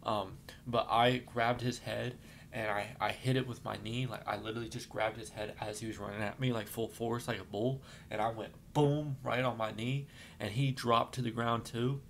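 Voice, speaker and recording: Man of middling pitch with a gravelly edge, rambling through a shaken personal account; light background rumble. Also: normal speed. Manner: rambling, with many fillers and restarts; gets shaken and apologizes, trying to calm down. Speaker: vlogger telling his life story. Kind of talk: emotional personal storytelling.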